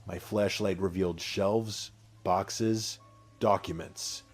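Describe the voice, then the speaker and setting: Male horror narrator, low register, solemn and deliberate, music underneath. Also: steady tone. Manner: measured, solemn, short phrases with deliberate pauses. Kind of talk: scripted horror story narration in the first person.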